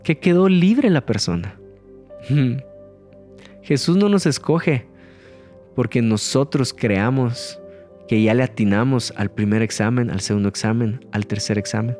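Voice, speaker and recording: A man preaching an emphatic sermon, swinging his pitch up and stretching words out to stress a point. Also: unhurried, darkish tone, soft background music. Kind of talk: recorded sermon.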